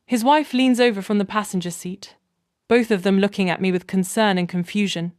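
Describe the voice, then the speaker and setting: A woman reading a scripted first-person story in a measured, even way. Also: medium pitch, dry recording, clean studio sound.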